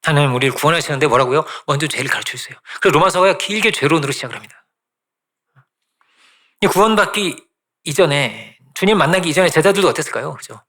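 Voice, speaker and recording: Quick, bright-voiced male pastor preaching. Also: a little high. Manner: conversational preaching, keeps asking the congregation "right?"; lively, quick, repeats phrases for emphasis. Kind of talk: sermon.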